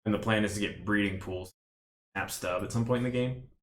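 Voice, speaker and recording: Low-voiced man narrating his card game. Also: brisk, a bit bright, echoey room, a little hiss or hum. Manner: thinks aloud, rambling and self-mocking. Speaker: streamer playing a card game. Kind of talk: casual play-by-play commentary. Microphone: desk stream mic.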